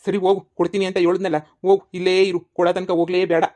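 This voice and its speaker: A man's voice: high voice, level tone, quick pace, a little mellow, lightly acted. A man voicing an irritated village brother and husband in a cartoon comedy, scolding and exasperated.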